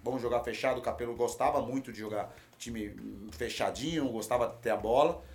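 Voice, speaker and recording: A retired footballer with a Brazilian Portuguese accent tells animated stories in a casual chat, repeating his phrases. His voice is medium-pitched and his pace brisk.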